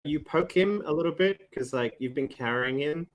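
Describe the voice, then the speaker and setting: A man narrating a tabletop game as game master, relaxed and casual, laughing often. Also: a little high, moderate pace, low-quality recording.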